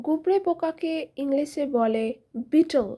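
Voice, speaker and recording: High-voiced woman teaching kids. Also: darkish tone. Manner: spells words letter by letter and repeats them slowly; friendly, speaks directly to children. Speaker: teacher and channel host. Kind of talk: children's English lesson.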